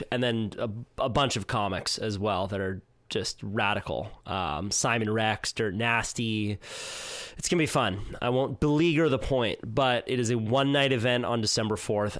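Casual podcast host in a dry, close sound. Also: male voice, medium pitch, a bit bright, dry recording. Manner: loose and casual, with many fillers and swearing. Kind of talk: solo podcast intro monologue.

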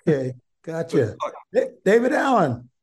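An older man hosting a group call, briskly calling on each guest by name. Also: a little high, sing-song, darkish tone. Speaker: host. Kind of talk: hosting a video call introduction round.

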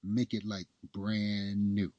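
A man's voice: lowish voice, completely flat delivery, slow pace, warm tone, no room sound, muffled recording. A man voicing a boastful, flamboyant middle-aged male doctor with a cocky, showy manner.

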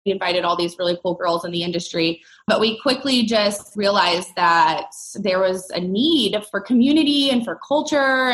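A woman co-founder talking casually as a podcast guest, relaxed and full of fillers like "you know.". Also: mid-range voice, rough recording. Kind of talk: casual interview chat.

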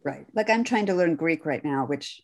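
Woman host, low-ish voice, casual panel moderator with filler ums. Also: expressive, normal speed, darkish tone. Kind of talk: casual online panel chat.

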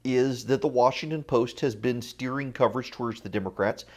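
A man's voice: medium pitch, fairly quick. A man hosting a radio talk show with opinionated, informal commentary and dry asides, speaking on a lav mic in an echoey, untreated room. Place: indoor room at a college without sound paneling. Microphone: lavalier.

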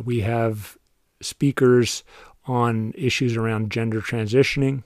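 A man with a Cape Breton Canadian accent hosting a podcast in a conversational way, pausing as he phrases things. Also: fairly low pitch, gravelly, darkish tone, dry recording, studio quality. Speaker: podcast host. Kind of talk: conversational podcast introduction and interview.

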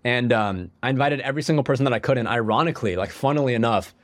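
Racing along at a medium pitch, a young man tells his story as a musician guest on a podcast, and the recording is dry. His telling is casual and meandering, full of "like" and frequent restarts, with a little sniffling from a cold.

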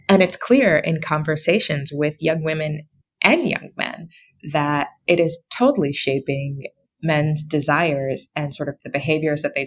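A woman with a calming voice, an author explaining things informally as a guest in a conversational podcast interview. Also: low-pitched.

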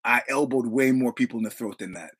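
A Brooklyn, New York podcast host in his sixties tells a profane, swaggering story in a casual monologue, acting out the dialogue himself. He talks fast in a medium-pitched voice that's a bit bright with a breathy edge.

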